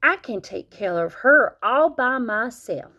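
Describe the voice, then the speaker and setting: Storybook young boy frog, excitable and exclaiming, slow and high, voiced by a woman. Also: dull audio, heavily acted. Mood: excited. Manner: exclamatory, bouncy.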